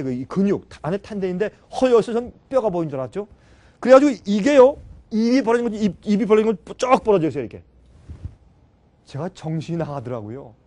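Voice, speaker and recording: A middle-aged man preaching a sermon, who tells a story with feeling, shifts between loud exclamations and quiet low asides, and speaks straight to his listeners. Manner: emotional storytelling, addresses listeners directly. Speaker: pastor. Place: church seminar hall.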